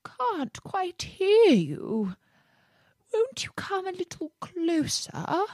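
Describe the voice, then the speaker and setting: A woman voicing a sly male fox who speaks slowly in a sharp, then feigned feeble voice. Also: very high voice, huge pitch swings, no room sound, studio quality, voice pushed up, heavily acted.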